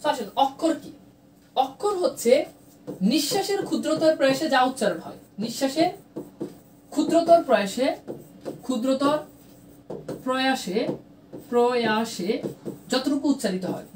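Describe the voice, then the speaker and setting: A woman's voice: high-pitched, a little mellow. A woman teaching a grammar lesson in a live online class, repeating each point and quizzing her students. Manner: repetitive, drilling questions to students. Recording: echoey room, distant mic, faint noise.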